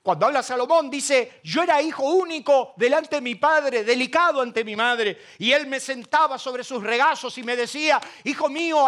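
A man with an Argentine accent preaching a sermon as pastor, swinging between loud passion and hushed quiet. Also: very high voice. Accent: Argentine Spanish.

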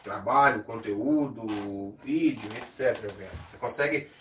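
A Brazilian man chatting on a podcast, using street slang and slowing down to make his points. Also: on the low side. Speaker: podcast co-host. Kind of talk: casual podcast chat. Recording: echoey room, distant mic, noise.

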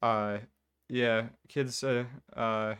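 A man's voice: mid-range voice, steady tone, drawn-out words, fairly bright tone, clear, resonant tone. A young man co-hosting a casual chat, telling a story and acting out the people in it. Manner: storytelling, mimics others in quotes. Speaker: podcast co-host.

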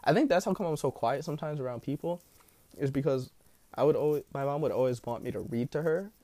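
A man with a smooth voice hosting a solo podcast in casual, rambling talk full of slang and swearing. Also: fairly high pitch, quick pace, warm tone, no room sound. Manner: profane, slangy. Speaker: podcast host.

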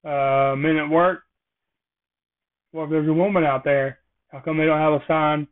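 A man hosting a casual solo podcast, rambling through jokey observational musings. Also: on the high side. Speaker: podcast host. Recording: tinny phone-like sound.

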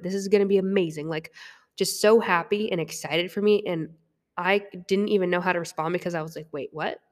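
A woman's voice: low-pitched, big-room sound. A young woman, a fitness coach, talking frankly and confessionally about herself, swearing freely and often restarting her sentences. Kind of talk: candid personal monologue.

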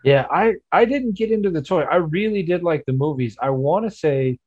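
A man's voice: fairly high pitch, animated, normal speed, darkish tone, husky, no echo, highs cut off. A man in his forties from the Memphis area, reminiscing in casual podcast chat with many fillers. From Memphis area, USA. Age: 40s.

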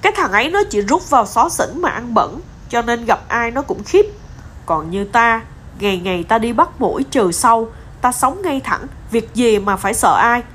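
A woman's voice: on the high side, lively intonation, normal speed, a bit bright, a little hiss or hum. A woman voicing a tiny, bold toad who lectures proudly, in a storybook reading. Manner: boastful, lecturing.

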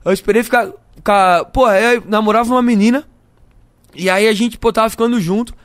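High-voiced Brazilian young man, candid. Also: steady tone, brisk, dry recording, studio quality. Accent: Brazilian Portuguese. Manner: candid, laughing storyteller who fills his talk with slang. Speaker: guest. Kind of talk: casual podcast chat.

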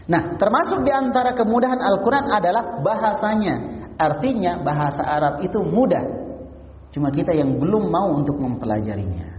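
A man's voice: sits high, expressive, normal speed, a little hiss or hum. A man giving a mosque sermon. He recites Arabic verses, translates them, and keeps asking the congregation rhetorical questions. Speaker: preacher. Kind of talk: mosque study-circle sermon. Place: mosque hall. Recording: distant, echoey, dull-sounding hall recording.

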